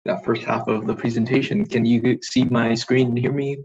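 A man's voice: medium pitch, little pitch movement, moderate pace, darkish tone, breathy edge. A man taking over a webinar presentation on a video call. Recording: muffled video call audio.

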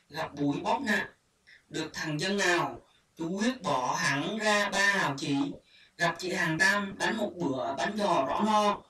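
A storyteller reading a short story aloud at a measured, deliberate pace. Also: medium pitch, a bit bright. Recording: echoey room, far from mic, faint hiss.

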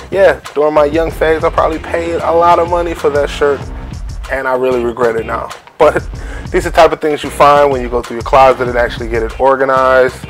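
Laid-back man narrating a closet tour. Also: medium pitch. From Cleveland, Ohio. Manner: relaxed, chatty, uses lots of fillers like "so yeah" and "like". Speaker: family vlogger. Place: walk-in closet at home.

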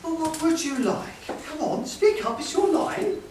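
A shrill, high-voiced pantomime dame, acted by a man, camp and bossy. The stage lines are exclaimed theatrically. The recording is distant and very noisy, from an audience seat in a hall. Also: lively intonation, a little slow. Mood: bossy, teasing. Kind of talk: amateur stage pantomime acting. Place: school-style hall stage, before audience. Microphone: distant audience camera. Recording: roomy hall from far off, loud noise.

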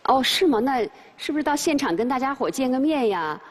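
A woman serving as a judge on a TV challenge show, interviewing gently and coaxing children in a soft, soothing way on a large studio stage. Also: high-pitched, animated, brisk, background noise. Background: music.

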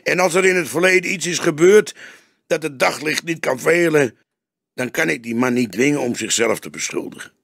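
A grey old detective speaks firmly and deliberately, as a man reading an audiobook puts him on. His voice is gravelly and somewhat husky. Pitch moves in lively steps. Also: no room sound, studio quality, full character voice. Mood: patient. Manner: firm, measured, stern. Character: older male police detective, grey and stern.

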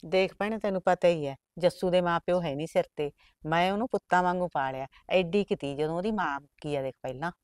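A woman's voice: on the low side, fast, darkish tone, clean tone, no echo, clean studio sound, natural voice. A woman with a Malwa Punjabi accent acting as a middle-aged village aunt who is raising her orphaned niece, talking plainly and confidingly. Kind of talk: village short film acting.

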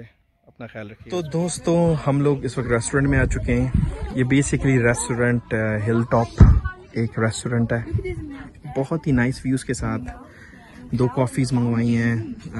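A man's voice: medium pitch, background noise. A man casually narrating a travel vlog, chatting to viewers and pointing out the views while out on a mountain and then in a hilltop restaurant. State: short of breath while hiking. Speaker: travel vlogger.

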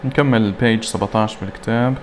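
A man teaching an English lesson. He reads English words slowly and then translates them. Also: fairly low pitch, fairly even intonation, slight background noise. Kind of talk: recorded classroom lesson.

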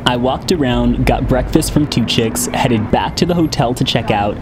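A young American man narrates his travel vlog as a scripted voice-over. He tells it like a personal story, with clear background music running under his voice. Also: medium pitch, moderate pace. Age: 20s. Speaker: travel vlogger.

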